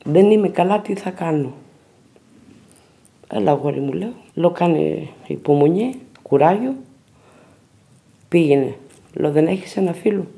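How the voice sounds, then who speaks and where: Mom recounting things in an interview, kinda gravelly, dark tone. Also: female voice, deep voice, lively intonation. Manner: plain, slow storytelling, quoting family. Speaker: interviewee, mother. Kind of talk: documentary interview testimony.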